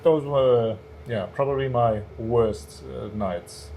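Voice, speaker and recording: A man's voice: medium pitch, slow, creaky, warm tone, a little hiss or hum. A man, a stand-up comedian guest, telling stories in a casual interview, hesitant with many restarts. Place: bar cellar.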